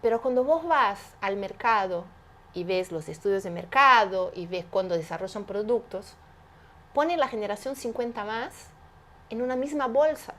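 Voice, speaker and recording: In this animated interview conversation, the guest is a woman entrepreneur whose mid-range voice sounds a bit bright and moves at a moderate pace. She makes her points with emphasis and frequently throws out rhetorical questions.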